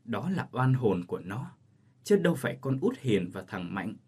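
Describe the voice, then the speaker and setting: A man's voice: lowish voice, sing-song, normal speed, darkish tone, breathy edge, pitched below the performer's own voice. A man voicing a grief-stricken older village schoolteacher and father in a read ghost story, speaking in a choked, sorrowful way. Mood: grieving.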